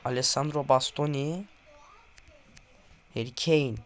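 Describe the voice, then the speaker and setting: A man's voice: medium pitch, takes it slowly, slight background noise. A young man playing a football video game, nervously calling out player names to his viewers, saying his hands are trembling, then erupting when a goal comes. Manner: tense and excited, calling player names, bursting into goal shouts. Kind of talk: live gameplay commentary to viewers.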